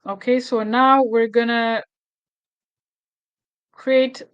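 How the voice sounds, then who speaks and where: A woman's voice: fairly high pitch, flat delivery, very slow, clean tone, no echo, highs cut off. A woman hosting a casual screen tutorial, thinking aloud with fillers and self-corrections. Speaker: tutorial host.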